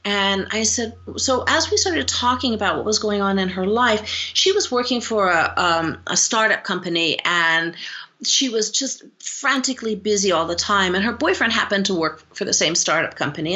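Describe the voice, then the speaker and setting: An animated woman psychologist answers interview questions with stories, acting out each exchange in her tales. Her voice is bright and forceful. The audio sounds dull and slightly lo-fi. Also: medium pitch, normal speed. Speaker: psychologist guest.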